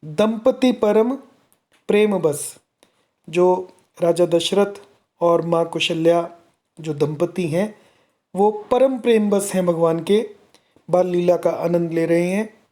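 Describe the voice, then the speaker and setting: A woman's voice: on the low side, takes it slowly, mellow. A woman explaining devotional verses line by line. She recites each verse phrase and then explains it word by word. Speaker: scripture teacher.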